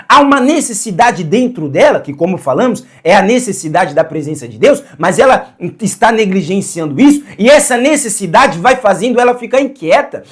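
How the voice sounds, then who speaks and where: A man's voice: extremely high pitch, breathy edge. A man preaching a sermon to camera, earnest, posing rhetorical questions and answering them himself, and repeating phrases for emphasis.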